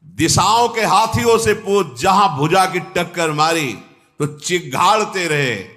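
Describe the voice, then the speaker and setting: A man's voice: sits high, expressive, slow pace, fairly bright tone, voice pushed up, full character voice. A male preacher voicing an arrogant, boastful demon king with scornful retelling.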